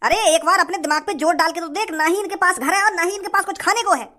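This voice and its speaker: A man's voice: very high-pitched, fast talker. An actor playing a rich, generous young man who lectures a stingy shopkeeper in a comedy sketch. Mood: lecturing. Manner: forceful, lecturing.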